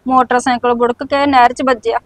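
An actress playing a tired mother who speaks softly and wearily of her lost son. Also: level tone, fairly quick, dry recording, lightly acted. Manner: subdued, low-key, worn. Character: weary village mother.

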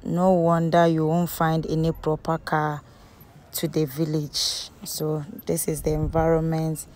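Slow-talking woman vlogging on the road. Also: low voice, completely flat delivery. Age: young adult. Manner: chatty, addresses viewers directly. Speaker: travel vlogger. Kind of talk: casual travel vlog. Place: outdoors on roads and in vehicles. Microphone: phone at arm's length. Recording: loud road and vehicle noise. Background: traffic and engine noise.

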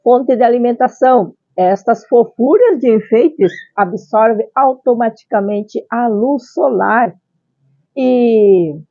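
A middle-aged Brazilian woman presents products to camera in a high, cutesy voice. She takes her time, exclaims often and mixes in Japanese phrases. The sound is dull and boxy, like a phone recording. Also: takes it slowly, no echo. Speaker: channel host. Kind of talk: vlog product showcase. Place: small tiled room at home.

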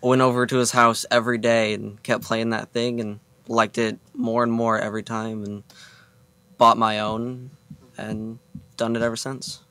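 A man's voice: mid-range voice, level tone, unhurried, sharp tone, dry recording. A man from Oregon, a band's drummer, speaking matter-of-factly in a documentary interview. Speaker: drummer in a band.

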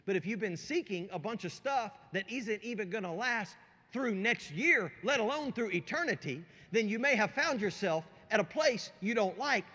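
Lively, high-voiced preacher in a reverberant church. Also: male voice, slightly rough. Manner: swings from hushed asides to shouted emphasis; conversational, checks in with the congregation. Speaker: pastor. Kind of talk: sermon. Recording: long reverb of a large hall.

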